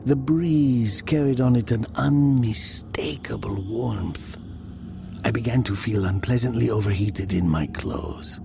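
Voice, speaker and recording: Against background noise, a man with a creaky mid-range voice dramatically narrates a first-person horror story. He speaks in a hushed, deliberate way, often dropping to a whisper.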